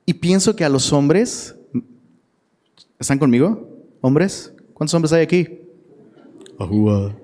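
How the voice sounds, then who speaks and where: A man's voice: on the high side, sing-song, takes it slowly, long pauses, dark tone. A man preaching a casual sermon to a live audience as a youth pastor, slangy and chatty, often asking the crowd questions. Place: church hall. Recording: long hall reverb.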